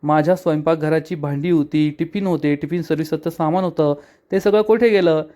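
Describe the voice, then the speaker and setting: A man's voice: on the high side, steady tone, fairly quick, warm tone, natural voice. A man voicing a determined young woman who pleads and stands firm, retold in a serial recap.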